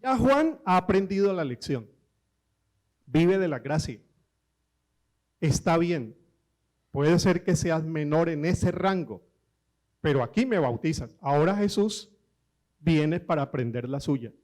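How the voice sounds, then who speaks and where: A man preaching a sermon, telling stories with quoted voices and humor, slowing down for emphasis. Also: a little high. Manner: lively, slows down for emphasis.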